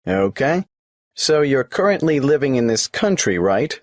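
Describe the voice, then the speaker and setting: A man's voice: medium pitch, very animated, unhurried, dry recording, clean studio sound. An actor playing a polite, businesslike male tax office clerk who asks questions in a scripted exam dialogue.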